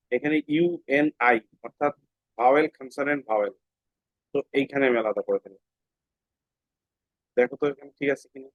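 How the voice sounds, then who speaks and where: A man's voice: mid-range voice, dry recording. Patient man teaching a classroom phonics lesson. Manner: patient, asks questions then answers them, repeats words slowly. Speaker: English teacher. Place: classroom with students. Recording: dull, dry lo-fi sound.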